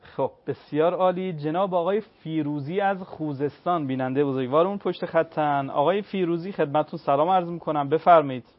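A man's voice: a little high, few pauses, muffled recording. Polite male call-in show host. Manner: polite, relays viewers' questions. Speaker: program host.

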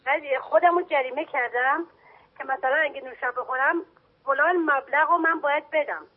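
A middle-aged woman from Kurdistan province, Iran, calling a radio show and asking her questions in a hesitant, halting way. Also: high voice. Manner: hesitant, halting, full of fillers. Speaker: caller. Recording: tinny phone line on radio.

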